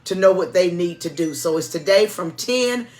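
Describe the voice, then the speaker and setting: A woman's voice: lowish voice, expressive, normal speed, a little mellow. A middle-aged woman giving informal, cautioning advice and announcements in a folksy, emphatic way. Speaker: church music director and co-host.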